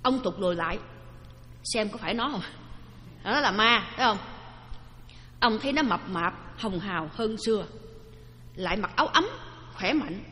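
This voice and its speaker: A woman giving a storytelling dharma talk, lively and asking the audience questions. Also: medium pitch, normal speed, long pauses. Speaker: Buddhist dharma teacher. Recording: long hall reverb.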